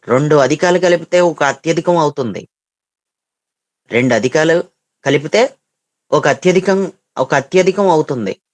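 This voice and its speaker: A male pastor preaching with insistent emphasis. His voice sits a little high for a man, and he hammers points home with repeated phrases and rhetorical questions. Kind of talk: sermon.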